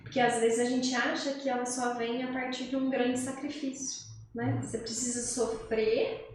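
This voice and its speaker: Woman, podcast co-host, lively storyteller; roomy, distant, faint hiss. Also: on the high side, moderate pace. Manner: chatty storyteller, laughs often. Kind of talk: casual chat. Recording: echoey room, far from mic, faint noise.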